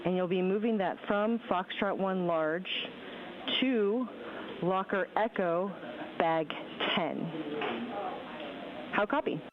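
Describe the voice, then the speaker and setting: A woman relays instructions in astronaut radio style from mission control. Her medium-pitched voice comes through a thin, tinny radio transmission. Her delivery is precise and procedural. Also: slow pace, long pauses, noisy background. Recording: tinny, narrow phone-like radio link.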